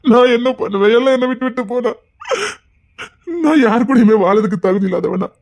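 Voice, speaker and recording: A man's voice: extremely high pitch, fairly quick, a little mellow. An actor playing a grieving widowed father who is lonely and full of guilt, tearful and lamenting in a brokenly spoken TV serial scene. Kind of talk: TV serial acting.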